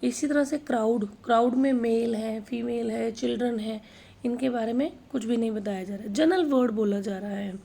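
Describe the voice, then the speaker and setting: A woman teaching an exam-prep grammar lesson, reading out word lists slowly and mixing English terms into her Hindi explanation. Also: on the high side, creaky, dark tone. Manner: tag questions like "है ना" between points.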